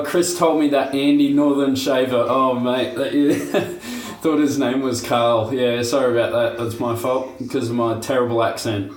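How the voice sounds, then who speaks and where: A young man hosting a casual shaving review, chatty and laid-back, laughing at himself. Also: medium pitch. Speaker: shaving video host. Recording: roomy home recording.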